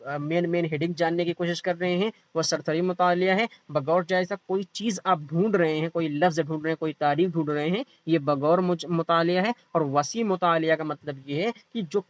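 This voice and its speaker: A man's voice: fairly high pitch, steady tone, few pauses, no echo, highs cut off. A man teaching an exam-prep class, explaining by asking and answering his own questions, while feeling unwell. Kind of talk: online exam-prep lecture.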